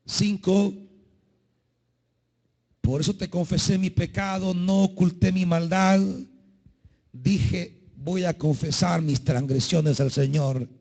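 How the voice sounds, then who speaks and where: Male pastor, sermon, husky, high-pitched, slow and deliberate, shouts and drops low. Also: steady tone. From El Salvador. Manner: impassioned preaching, rising to shouts and dropping low.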